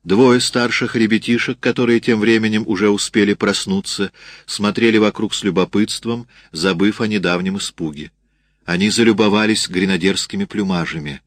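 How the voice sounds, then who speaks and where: A man narrating an audiobook in a steady, measured reading. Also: fairly low pitch.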